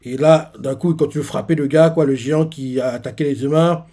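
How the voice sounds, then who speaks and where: A man with a fairly high voice casually recaps a comic chapter for his channel. He rambles, stalls on fillers and restarts, and keeps talking at a relaxed, conversational pitch. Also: quick pace. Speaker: manga reaction youtuber.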